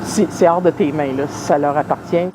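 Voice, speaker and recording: A woman playwright, talking thoughtfully in an interview, often pausing and restarting. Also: deep voice, steady tone, over music. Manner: thoughtful, hesitant, many pauses and restarts. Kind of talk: interview talk. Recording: noisy background.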